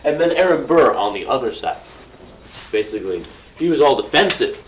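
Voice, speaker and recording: Lively playful man telling history. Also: medium pitch, brisk, slight background noise, poor audio. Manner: playful, theatrical storytelling with sudden loud bursts; self-correcting, with asides and joking corrections. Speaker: history presenter. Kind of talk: casual history lesson.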